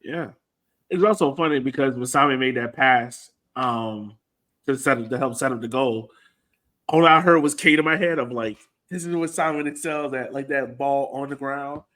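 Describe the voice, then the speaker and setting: With a medium-pitched, fairly bright voice at a moderate pace, this American podcast co-host and soccer fan chats informally about the sport. He thinks out loud and uses "like" a lot.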